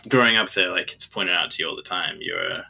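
A man's voice: low-pitched, expressive, fast, gravelly, bright, forceful tone, slight background noise. A young man from New Zealand who grew up in China, a guest musician chatting casually in an interview, hesitant and rambling with many fillers. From New Zealand, raised in China.

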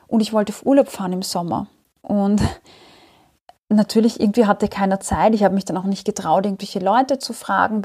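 A woman's voice: on the high side, darkish tone. A woman telling a personal story in conversation, candid and emotional, often restarting her sentences.

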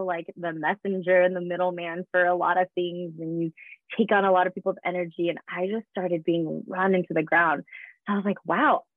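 A woman's voice: lowish voice, no echo. A woman in her thirties, a guest telling her story in a casual interview, chatty with frequent laughs and fillers. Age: 30s. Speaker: guest, fitness business founder. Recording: tinny phone-like line.

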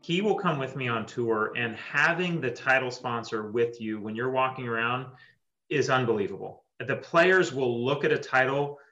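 A man talking as a tournament director in an interview, full of fillers and quick asides. His voice is bright and forceful, and it rings in a roomy, echoing space with faint music underneath. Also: mid-range voice, lo-fi sound. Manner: chatty, animated storytelling with fillers. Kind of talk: interview soundbites.

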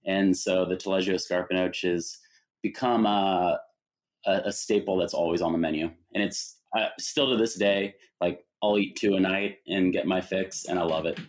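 A man, a restaurant partner, talking in an interview in an earnest, measured way. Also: deep voice, fairly even intonation. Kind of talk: casual interview talk.

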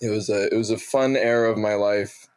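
A man in his twenties, a guest telling animated, self-mocking stories with many fillers over a video call. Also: on the low side, a little fast. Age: 20s. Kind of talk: casual interview storytelling.

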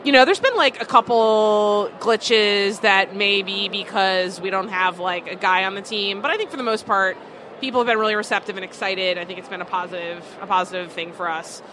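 A woman's voice: medium pitch, fairly even intonation, moderate pace, pushed and bright. A woman who co-owns a distillery, answering interview questions in a casual, filler-heavy way at a busy food market. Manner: chatty, full of "like" and "um" fillers. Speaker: distillery co-owner. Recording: noisy market background.

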